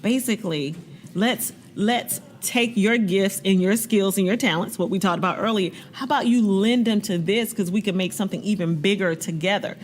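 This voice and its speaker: A woman hosting a podcast interview, lively and encouraging, with slangy playful asides. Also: medium pitch, normal speed. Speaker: podcast host. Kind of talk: casual interview.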